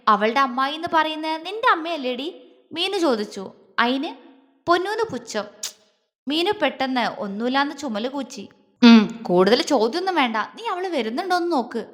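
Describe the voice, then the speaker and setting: A woman's voice: sits high, bright, forceful tone. A woman narrating a family story, voicing each character's lines as she reads. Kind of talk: scripted story narration with voiced dialogue. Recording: long reverb on the voice.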